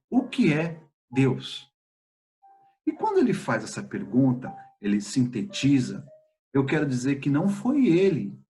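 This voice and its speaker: A man with a Brazilian Portuguese accent giving a spiritist study lecture, speaking in a measured, halting way with pauses and filler sounds. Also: mid-range voice, a little mellow.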